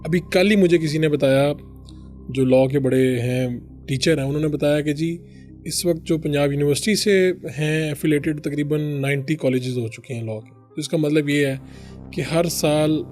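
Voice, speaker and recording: A man's voice: on the high side, normal speed, a little mellow, soft background music. A man with a Pakistani Urdu accent hosting an interview show, asking probing, leading questions and dropping short affirmations. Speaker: show host.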